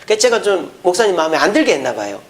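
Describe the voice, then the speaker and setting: A middle-aged man and senior pastor preaching a sermon, animated and putting rhetorical questions to his congregation. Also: sits high, racing.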